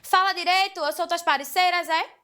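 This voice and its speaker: A woman voicing a middle-aged mother scolding her child, sounding indignant, loud and bright. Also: very high voice, steady tone, normal speed.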